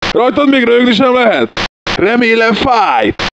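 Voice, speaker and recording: Man doing a brash game soldier, high lively voice, crude taunts, lo-fi, hissy. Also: full character voice. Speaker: game character voice lines. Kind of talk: fan-made game dub shouts and taunts. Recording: dull lo-fi recording with noise.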